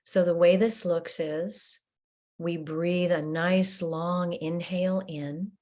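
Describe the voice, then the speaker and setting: With a steady tone and a slightly low voice, a woman talks the listener through a breathing meditation. She takes her time, soothing and gentle, pausing at length between cues.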